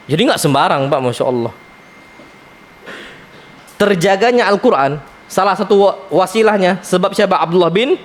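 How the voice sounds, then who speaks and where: A man teaching an Islamic study lecture, speaking in a lively way, often calling his listeners "Pak" and weaving in Arabic terms. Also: sits high. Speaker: ustadz. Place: Islamic center lecture hall.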